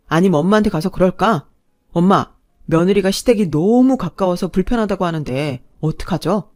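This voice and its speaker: A woman's voice: lowish voice, a little mellow, close to an everyday voice. An irritated young husband, as a woman narrator puts him on, blunt and sarcastic. He talks back in a spoken family drama.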